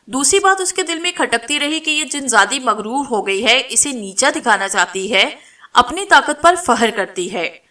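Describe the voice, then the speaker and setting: A woman reads a horror story in a steady, dramatic manner. Her voice is bright and sits a little high. It comes from slightly away from the mic. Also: far from the mic. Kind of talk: scripted horror-story narration.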